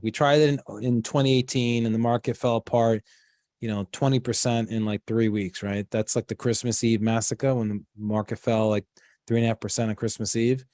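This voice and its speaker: Man, Queens New York accent, medium pitch, dry close sound, casual commentary, blunt phrasing. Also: darkish tone, dry recording. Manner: blunt, conversational, peppered with "like" and "you know". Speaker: guest investment strategist.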